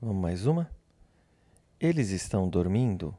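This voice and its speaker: A man teaching English grammar, speaking slowly and patiently, repeating example phrases and pausing so learners can answer. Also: low-pitched, sing-song, dark tone, no echo. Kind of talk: slow, patient classroom explanation.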